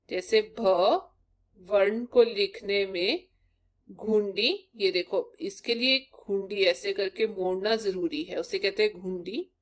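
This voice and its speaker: A woman teacher giving a primary-school lesson, sounding out letters one at a time for young children. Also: mid-range voice.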